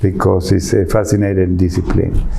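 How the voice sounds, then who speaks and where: Argentine man, low and mellow. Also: little pitch movement, normal speed, vocal fry, a little hiss or hum. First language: Spanish. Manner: earnest, searching for words, rephrasing. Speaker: architect guest. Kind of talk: interview answers.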